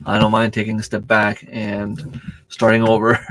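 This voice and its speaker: A French-speaking man hosts a relaxed live stream, his fairly low, bright-toned voice coming out totally flat and unhurried over a slight background noise. He's hesitant, fumbling for words with lots of fillers, restarting sentences, and responding to viewer comments as they arrive.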